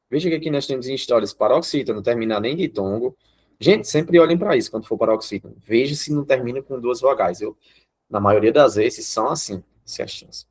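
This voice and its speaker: A husky, mid-range male voice carries a Brazilian Portuguese accent as he teaches grammar online. He takes the explanation step by step and keeps checking in with the class.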